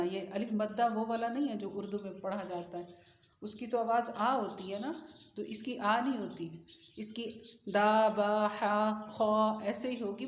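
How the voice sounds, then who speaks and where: A woman teaching Qur'an reading, spelling out letters in slow, drawn-out drills and explaining the method to other teachers. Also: mid-range voice. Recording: echoey room with faint noise.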